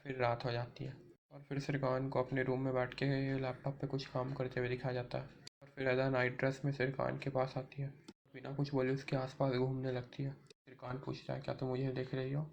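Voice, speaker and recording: Man recapping a drama in a flat monotone. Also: medium pitch, a little fast, vocal fry, highs cut off. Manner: retells the scenes in sequence, reading each character's lines himself. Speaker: episode recap narrator. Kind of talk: recap narration of a drama episode.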